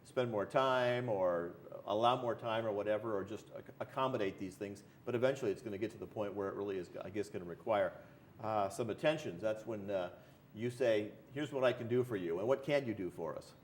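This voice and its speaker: A man interviewing on television in a halting, folksy, plain-worded way. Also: lowish voice, a little hiss or hum. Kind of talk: unscripted TV interview. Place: TV studio.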